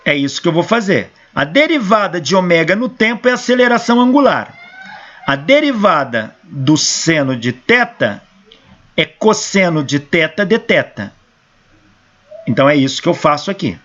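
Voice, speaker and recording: On a dull, lo-fi recording, a hoarse male engineering professor with a Brazilian Portuguese accent works through equations step by step, answering his own questions. His fairly high, fairly bright voice is very animated and moves at a moderate pace.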